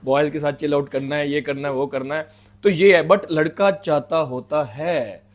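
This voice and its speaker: A man's voice: on the high side, moderate pace, slight background noise. A man co-hosting a reaction video, chatting casually and arguing his side in an easygoing way. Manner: easygoing, argues his side with lots of agreeing fillers. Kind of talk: casual chat.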